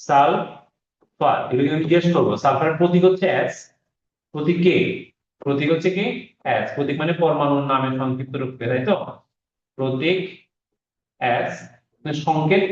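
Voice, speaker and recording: A male teacher giving an online class lesson, who repeats key words and quizzes his students as he goes. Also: on the high side. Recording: roomy, dull online class audio.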